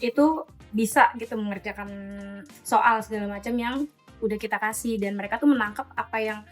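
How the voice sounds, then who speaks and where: A woman's voice: fairly high pitch, fairly quick. Woman, late twenties, volunteer tutor, casual hesitant interviewee, faint music under. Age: 20s. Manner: hesitant, many fillers.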